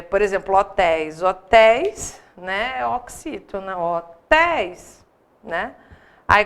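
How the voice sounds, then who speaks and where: Brief: Brazilian woman, mid-pitched, chatty grammar teacher, keeps checking in with the class. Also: fairly bright tone, clear, resonant tone. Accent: Brazilian Portuguese. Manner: conversational, asks rhetorical "né?" often. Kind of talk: live online grammar class.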